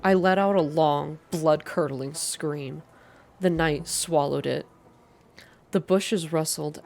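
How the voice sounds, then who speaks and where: A woman uses her low-pitched, slightly mellow voice with vocal fry to read video game content ASMR-style for her channel. She also shares casual updates with viewers, and a faint hiss or hum is audible.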